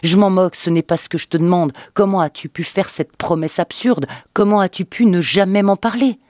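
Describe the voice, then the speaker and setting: A man voicing a bitter, furious wife in an audiobook, with a sarcastic, shouting delivery. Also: sits high, brisk, no echo, studio quality, voice pushed up, natural voice. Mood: angry. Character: bitter, furious wife, woman in her thirties. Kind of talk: dramatic audiobook reading.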